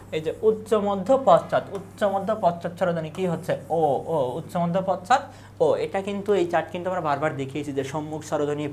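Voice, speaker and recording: A young adult tutor gives an exam revision lesson. The tutor asks quiz questions and answers them in quick lists. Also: mid-range voice, darkish tone, slight background noise.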